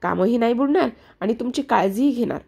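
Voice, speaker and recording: A woman's voice: a little high, animated, brisk, vocal fry, darkish tone, slightly rough, heavily acted. A woman reading a stubborn, caring young husband. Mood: firm. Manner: firm, protective.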